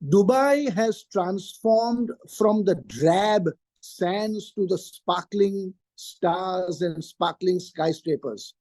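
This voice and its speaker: A man's voice: sits high, extremely slow, darkish tone, dry recording. A man, answering interview questions emphatically and repeating his key phrases. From Pakistan. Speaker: interview guest, trainer and career coach.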